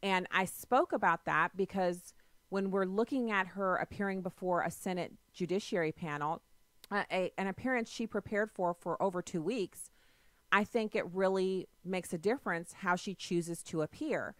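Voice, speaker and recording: On her political call-in radio show, a female host with a medium-pitched voice grills a caller with pointed questions, quick to press and ready to argue. The recording is dry.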